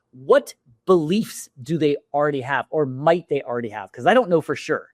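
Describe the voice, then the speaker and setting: A man on a podcast talking about selling in casual, animated speech, often restarting sentences and acting out sample lines. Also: medium pitch, no room sound, clean studio sound. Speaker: podcast guest, sales executive. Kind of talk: casual interview talk.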